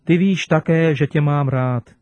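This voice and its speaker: A man's voice: on the high side, a little mellow, highs cut off, natural voice. A man reading the earnest replies of a humble disciple. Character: Peter, humble devoted disciple.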